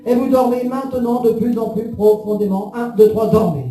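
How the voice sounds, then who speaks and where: Guy doing hypnosis, soothing and repetitive, really mellow dark tone, roomy echo with music behind. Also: very high voice, fairly even intonation, normal speed. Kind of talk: guided hypnosis session.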